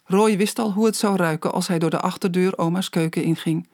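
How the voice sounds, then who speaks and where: An audiobook narrator reading a children's story aloud in a slow, measured way. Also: mid-range voice, steady tone, darkish tone, no echo, clean studio sound.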